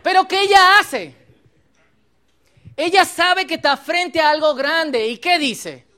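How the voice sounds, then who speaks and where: A preacher delivers a spirited sermon. The preacher acts out scripture scenes in a playful, theatrical way. The voice swings between loud, excited exclamations and low, quiet reflection. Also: slow pace. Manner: animated, acts out the Bible scenes with playful humor.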